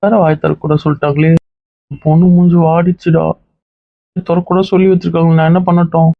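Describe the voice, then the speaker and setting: A man's voice: on the high side, little pitch movement, fast talker, creaky, dry recording. A man playing a doting father who laments over his daughter in a family skit. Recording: tinny phone-like dry sound.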